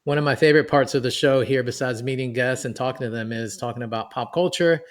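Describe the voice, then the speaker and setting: A man in his forties from New York City co-hosting a podcast, chatty and animated as he talks. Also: medium pitch, quick pace. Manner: chatty, animated, laughing as he reminisces. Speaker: podcast co-host. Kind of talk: podcast conversation.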